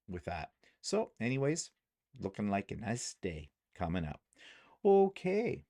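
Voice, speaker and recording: A man's voice: low-pitched, darkish tone, no room sound, clean studio sound. A man in his sixties, retired, chatting casually in a rambling way with many fillers on a vlog, possibly with a Canadian accent. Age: 60s. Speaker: vlogger.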